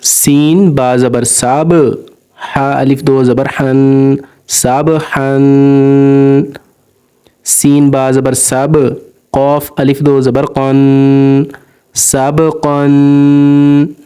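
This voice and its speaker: A man teaching Quran recitation, spelling out each letter and syllable and then drawing out the joined word slowly and patiently. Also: mid-range voice, a little mellow.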